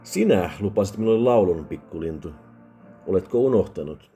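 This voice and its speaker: Man voicing a drunk menacing soldier, raspy, deep, dark and mellow tone, harsh and loud, audiobook story. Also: expressive, soft background music. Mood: menacing, bitter. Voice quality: drunken rasp.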